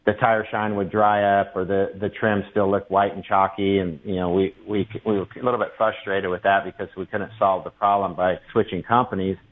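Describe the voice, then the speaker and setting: A man calling in to a local radio show. He talks casually about his business, pausing often with "uh". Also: deep voice, flat delivery. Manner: hesitant, many "uh" fillers. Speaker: caller, local business owner. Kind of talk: casual call-in chat. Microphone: telephone. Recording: tinny phone line.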